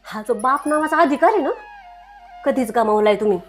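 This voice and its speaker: An actress playing a mother who stammers timidly and then speaks out in sharp reproach. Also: sits high, fairly quick, soft background music, natural voice. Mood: defiant. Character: timid mother turning defiant. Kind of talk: short drama acting.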